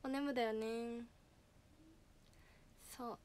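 Teen girl, livestream chat, high voice, slightly nasal, reads viewer names. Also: steady tone, slow pace, a little mellow, slight background noise. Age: teens. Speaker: idol livestreamer.

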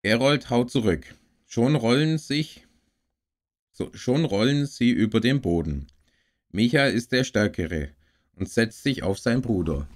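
A man reading a children's story aloud in a slow, calm, even manner. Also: mid-range voice. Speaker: story reader and streamer.

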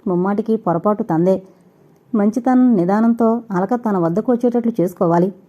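A woman narrating a novel in a steady, measured storytelling manner. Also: mid-range voice. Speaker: audiobook narrator. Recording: dull lo-fi recording.

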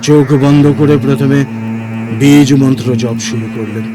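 A man narrating a horror audio story in a hushed, suspenseful manner. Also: mid-range voice, steady tone, normal speed. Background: music.

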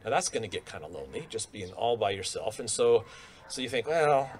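A man's voice: on the low side, sing-song, brisk, slight background noise. A middle-aged man preaching a sermon at a lectern in an outdoor church courtyard, talking conversationally with rhetorical questions and frequent restarts. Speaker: pastor. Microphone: stand mic at lectern.

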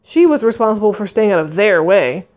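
A woman's voice: mid-range voice, sing-song, a little fast, a little mellow. A woman reading a fantasy novel aloud, narrating expressively and voicing the dialogue. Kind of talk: audiobook reading.

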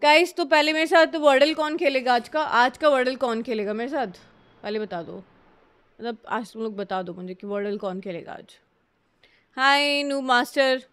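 A woman's voice: sits high, normal speed, a bit bright, smooth. A woman with an Indian accent chatting casually on a live stream, greeting and answering her viewers while switching between Hindi and English, in a room at home with a fan running.

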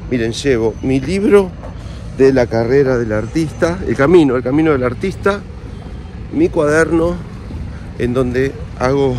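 A man in his forties with an Argentine Spanish accent vlogs as he walks city streets and a park before ending up at a café, chatting confidingly straight to his viewers through a phone held at arm's length. His voice is medium-pitched, a little slow and a little mellow. The phone audio clearly picks up street and traffic noise.

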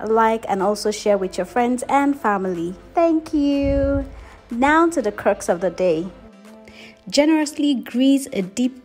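A woman's voice: a little high, a little mellow. Woman narrating a cooking tutorial. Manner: friendly, instructive, step-by-step. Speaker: cooking channel host. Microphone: voice-over, not recorded on camera.

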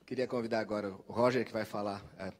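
Male moderator, middle-aged, husky lowish voice, quick brisk delivery. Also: fairly even intonation. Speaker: panel moderator. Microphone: handheld microphone.

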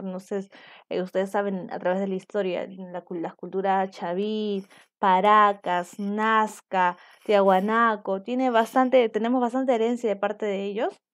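A young adult Peruvian woman teaches a virtual class, explaining points and checking in with her students by asking them to confirm. Her voice is medium in pitch, with fairly even intonation and a measured pace.

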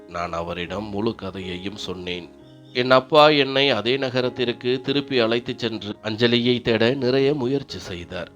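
Male storyteller, lowish voice, steady scripted narration over faint background music. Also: lo-fi sound.

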